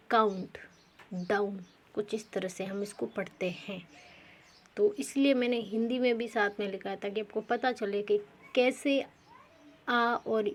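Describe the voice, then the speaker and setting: A woman teaching pronunciation rules, repeating examples and asking herself rhetorical questions, often pausing with fillers and correcting herself. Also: fairly high pitch, a little hiss or hum. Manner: slow, repetitive, quizzes with rhetorical questions; frequent fillers and self-corrections.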